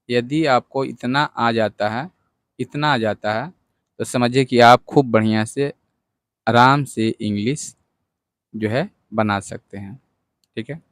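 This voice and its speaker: Slow patient guy teaching at a board, keeps repeating stuff, dry close sound. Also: on the low side, dry recording. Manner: patient, repeats each point with check-ins. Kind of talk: whiteboard lesson.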